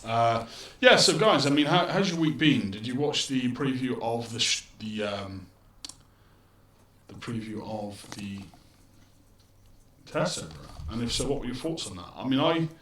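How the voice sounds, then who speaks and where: A man's voice: medium pitch, animated, measured pace, fairly bright tone, recorded from a distance. A man streaming a game live, chatty and thinking aloud, heard through a webcam mic that makes him sound as if he is in an echoing tunnel. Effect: echoing, tunnel-like sound from a built-in webcam mic. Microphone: built-in webcam microphone. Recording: echoey, tunnel-like room sound with faint ambient noise.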